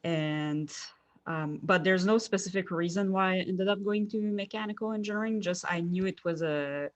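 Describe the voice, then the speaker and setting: Low-voiced woman from Quebec, hesitant. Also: normal speed, highs cut off. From Quebec, Canada. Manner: hesitant, laughs between phrases. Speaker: engineering professor, guest. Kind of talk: casual interview answers.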